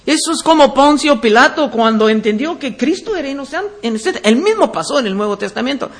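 A man preaching a verse-by-verse Bible teaching sermon, reading scripture aloud and then explaining it deliberately. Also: extremely high pitch, expressive, fairly bright tone.

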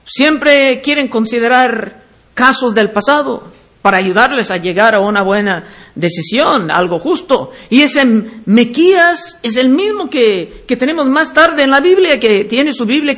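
A man preaching a verse-by-verse Bible teaching sermon, reading scripture aloud and then explaining it deliberately. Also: very high voice, lively intonation, fairly bright tone.

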